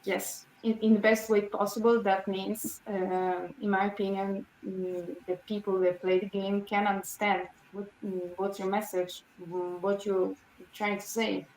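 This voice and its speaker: A woman hosts an online panel through a video call. Her voice has a middling pitch and sounds roomy and echoey. She pauses often to search for the right words. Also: level tone, a little mellow, slight background noise. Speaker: panel moderator. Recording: echoey room.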